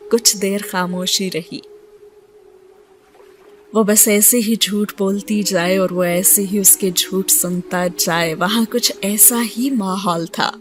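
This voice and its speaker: A woman narrating a romance novel as an audiobook reader, in a calm, measured storytelling voice. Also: medium pitch, a little hiss or hum. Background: soft background music.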